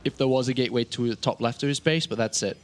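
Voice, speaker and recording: A man's voice: medium pitch, fast talker. A man giving play-by-play commentary on a strategy game match, chatty and joking with his co-caster. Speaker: esports caster.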